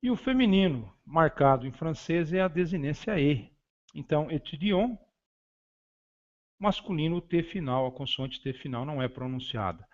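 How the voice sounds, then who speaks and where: A man teaching a beginner French lesson, saying each word and then its translation, lifting the French words louder and stumbling on fillers as he explains. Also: a little high, moderate pace, highs cut off. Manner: hesitant fillers while explaining. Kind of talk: beginner language lesson, reading vocabulary.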